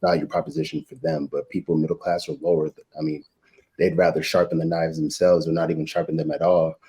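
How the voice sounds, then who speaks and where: Brief: male guest, very low husky voice, halting agreeable speech. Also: mellow. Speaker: podcast guest. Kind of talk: casual discussion.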